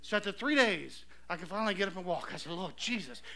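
A pastor delivers an exclamatory, story-driven sermon in a church sanctuary. His voice sits high for a man and rings bright and forceful. He keeps calling out "amen" to the congregation. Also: expressive, fast talker, gravelly. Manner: storytelling, exclamatory, calls for amens.

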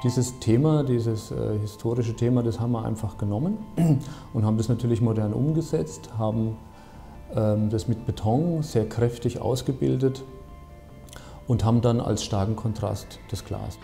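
A man in his fifties, an architect, explaining his building in a measured, thoughtful interview with frequent hesitations. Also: medium pitch, gravelly, warm tone, soft background music. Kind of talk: documentary interview. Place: bright office, seated at a desk.

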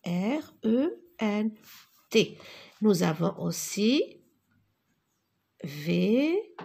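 A woman teaching a beginners' reading lesson, dictating slowly and repeating words syllable by syllable. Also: mid-range voice, creaky, a little mellow, slightly rough.

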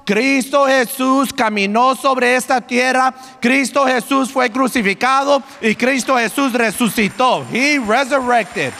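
A male pastor preaches with emphatic repetition, switching into English now and then. His voice is high for a man. The long reverb of a church sanctuary trails behind every phrase. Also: takes it slowly, vocal fry, hardly any pauses, bright, forceful tone, faint music behind. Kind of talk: sermon.

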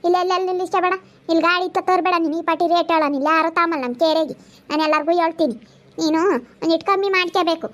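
A woman's voice: very high voice, steady tone, a bit bright. A woman playing a scolding village woman, haggling over vegetable prices. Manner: nagging, rapid-fire scolding. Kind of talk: comedy sketch acting.

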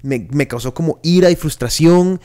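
A young man with a Costa Rican accent, co-hosting a casual podcast chat, animated and full of slang and swearing. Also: fairly high pitch, normal speed, clear, resonant tone. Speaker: podcast co-host.

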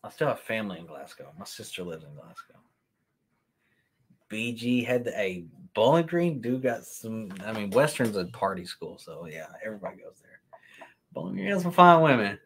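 A man from Kentucky hosts a sneaker livestream indoors, in a room lined with shelves of sneakers. Relaxed and chatty, he answers viewer comments on the fly in a fairly low voice at a moderate pace.

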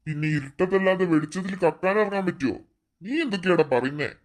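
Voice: medium pitch, quick pace, lightly acted. Cartoon burglar boss, voiced by an actor, aging, slightly deaf, bossy, grumbling.

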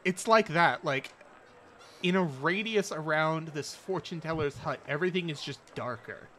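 A man narrating a tabletop game casually as game master, describing scenes in halting pieces. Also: a little high, lively intonation, a bit bright, a little hiss or hum.

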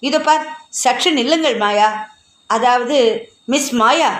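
A woman voicing a pompous man who pesters with gushing, theatrical flattery, in an echoey room. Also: sits high, a little slow.

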